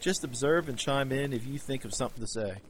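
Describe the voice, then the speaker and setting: A matter-of-fact male special agent with a dry wit, as a man plays him. His voice sits mid-range. A faint rumble hums behind him. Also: fast, lightly acted. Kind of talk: amateur audio drama acting.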